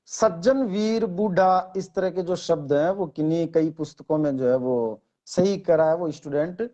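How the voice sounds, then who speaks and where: A man who is a Hindi lecturer, explaining grammar to exam students slowly and deliberately, spelling out word lists one by one. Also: a little high, mellow, highs cut off.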